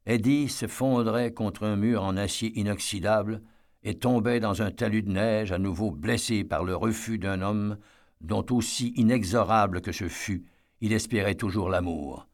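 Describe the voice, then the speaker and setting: A man reading a novel aloud as a narrator, in a measured, steady storytelling manner. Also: lowish voice. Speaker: audiobook narrator. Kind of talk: scripted narration.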